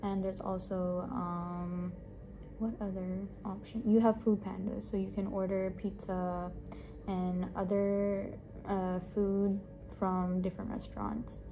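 A woman's voice: mid-range voice, takes it slowly. Young woman vlogging over street noise. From Pakistan. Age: young adult. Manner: chatty, relaxed, filler-heavy. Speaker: medical student vlogger. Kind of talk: casual vlog narration.

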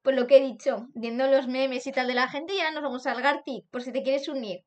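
A woman's voice: high-pitched, steady tone, fairly quick, darkish tone. A young woman from Spain with a Spanish accent, chatting live on stream while reacting to fan art, bubbly, laughing often and breaking into sing-song bits.

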